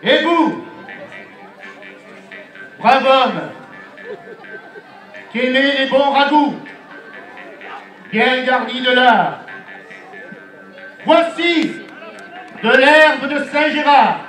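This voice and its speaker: Man playing a slow, high-pitched medieval town crier. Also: a bit bright, full character voice. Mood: hawking, insistent. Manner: theatrical, declamatory, slow proclaiming to a crowd. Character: medieval herbalist hawker crying cures like a town crier. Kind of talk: town crier street patter at a medieval pageant. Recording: distant, echoing outdoor event recording with music.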